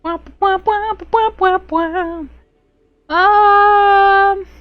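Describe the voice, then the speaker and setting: A woman's voice: extremely high pitch, steady tone, extremely slow, lo-fi sound, soft background music. A woman streaming a strategy game live. She reads the event text aloud, reacts with playful exclamations and talks to her chat.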